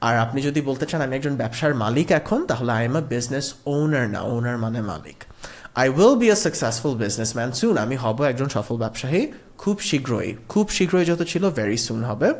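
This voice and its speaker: Lively man teaching English. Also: medium pitch. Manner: repeats example sentences slowly, explains in Bengali; lively, sing-song emphasis. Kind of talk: spoken English lesson.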